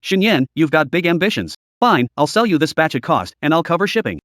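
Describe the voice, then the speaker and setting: A hearty veteran nursery owner. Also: male voice, fairly high pitch, big pitch swings, fairly quick, a bit bright, no echo, clean studio sound. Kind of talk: dubbed drama dialogue.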